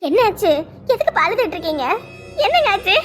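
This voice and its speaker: A woman's voice: very high-pitched, sing-song, a little fast, a bit bright, faint music behind, heavily acted. A woman playing a caring young wife who reassures her husband, sometimes scolding, in a serial-style drama. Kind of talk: TV serial acting.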